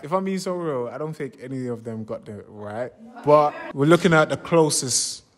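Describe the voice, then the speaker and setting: A man's voice: on the high side, lively intonation, normal speed. Laid-back man in his twenties. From Nigeria. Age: 20s. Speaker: contestant. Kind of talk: casual reality show chat. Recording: roomy sound with music.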